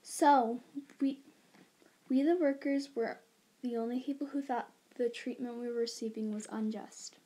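A woman's voice: fairly high pitch, steady tone, unhurried, dark tone, a little hiss or hum, lightly acted, rough recording. A woman voicing an earnest young immigrant miner. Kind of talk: first-person school history narration.

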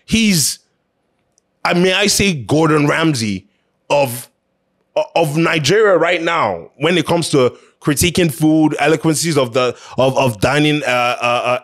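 With a slightly high voice, a man hosting an opinion show speaks casually and with emphasis in a conversational tone. Repeated phrases help him drive each point home.

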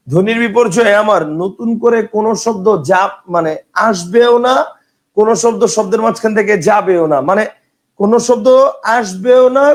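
A man teaching a grammar lesson for exam preparation, explaining patiently, repeating examples and checking that his students follow. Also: high voice. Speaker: exam-prep grammar tutor. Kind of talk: online lecture.

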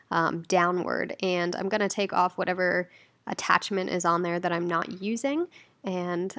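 A woman's voice: mid-range voice, fairly bright tone, dry recording. A young woman in her twenties talking through a gym workout in a friendly, encouraging instructional voice-over. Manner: friendly, encouraging step-by-step coaching. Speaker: fitness vlogger.

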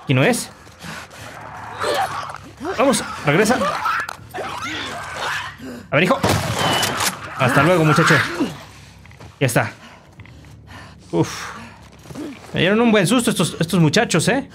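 A man commentates his gameplay in a slightly high, very lively voice. He bursts into shouts and insults at enemies. Faint noise sits behind him. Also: a little slow, pauses often. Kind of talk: let's play commentary.

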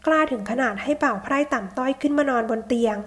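Spiteful palace consort, sneering and mocking, as a woman reader voices her; high voice. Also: quick pace, fairly bright tone. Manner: mocking and scornful.

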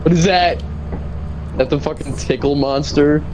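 A man's voice: a little high, fairly even intonation, unhurried, heavy reverb, noisy background. A young man talking bluntly and swearing while playing a video game with friends, giving directions. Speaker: game player. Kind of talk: casual gaming chat with friends.

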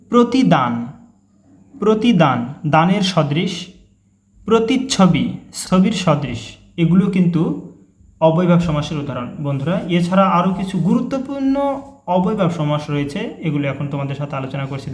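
A young man teaching a grammar lesson online, calling out each example word and then its meaning in a steady teaching rhythm. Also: on the high side. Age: young adult. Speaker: grammar tutor. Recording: echoey room.

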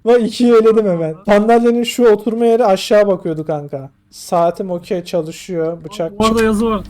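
A man's voice: sits high, normal speed, warm tone. A young man casually commenting on a horror game he is playing, joking around in slang and muttering to himself as he checks things off. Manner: joking, slangy, counts items under his breath. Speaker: gaming YouTuber.

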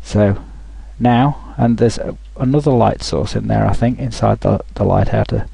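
A man talking through a software tutorial over a screen recording, thinking aloud with frequent restarts. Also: on the low side, moderate pace, vocal fry, breathy edge, no echo, rough recording.

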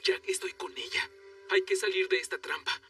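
A man's voice: high voice, huge pitch swings, normal speed, sharp tone, distant mic, soft background music, heavily acted. A man dubbing a panicky, wisecracking expedition member in a film, talking in a frantic, jokey rush. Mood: shaken. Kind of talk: dubbed film dialogue.

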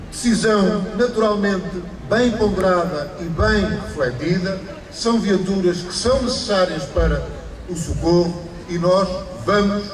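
A middle-aged man with a European Portuguese accent delivers a formal public speech as mayor, leaning into repeated phrases and stressed peaks. His voice sits a little high and comes through a stand microphone and PA, caught from a distance with a long outdoor echo. A crowd is heard around him. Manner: emphatic oratory with repeated phrases and rising stresses. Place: outdoors under an awning at a ceremony. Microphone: stand microphone through a PA, filmed from afar.

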